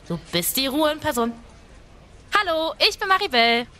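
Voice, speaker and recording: Lively young woman, bright voice, self-mocking comic storyteller, nervous inner chatter. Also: high-pitched, normal speed, a little hiss or hum. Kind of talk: comedic first-person story with inner monologue.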